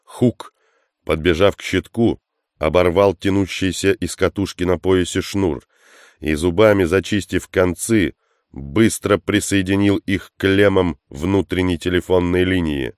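Deep-voiced male audiobook narrator, dry close sound. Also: measured pace, clear, resonant tone, no room sound. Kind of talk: scripted narration.

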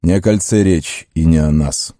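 A man voicing a heavy-hearted male ranger who speaks quietly and heavily. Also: extremely low pitch, normal speed, dry recording, studio quality.

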